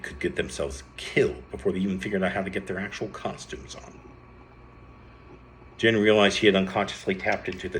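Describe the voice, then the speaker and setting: A man with a very low voice reads an adventure story aloud. He keeps it lively, jumping up in pitch for emphasis and now and then tripping over a word. A faint hiss sits under the voice. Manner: lively read-aloud with bursts of raised pitch and some stumbles.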